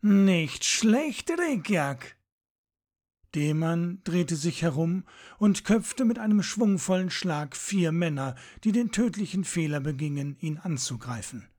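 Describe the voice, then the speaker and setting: A man reading a fantasy audiobook in a measured, dramatic storytelling manner. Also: a little high, lively intonation, a little mellow. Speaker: audiobook narrator. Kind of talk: scripted fantasy narration.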